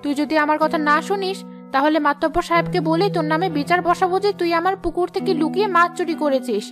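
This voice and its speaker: A woman's voice: very high-pitched, fast. A woman voicing a jealous, scheming village woman who bullies others with sneering threats, over background music. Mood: spiteful scheming.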